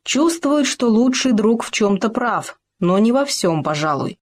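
A lively storybook narrator reading a children's animal tale aloud. The voice sits at a middle pitch and keeps an expressive, animated delivery. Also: a little slow.

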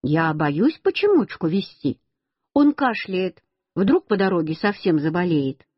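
A firm, reproachful storybook mother who tells off her little boy, voiced by a woman reading aloud. The voice is husky and a little breathy, and it sounds dry and dull, like an old lo-fi recording. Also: on the low side, big pitch swings, a little slow, no echo, heavily acted. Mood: worried. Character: stern scolding mother of a small boy.

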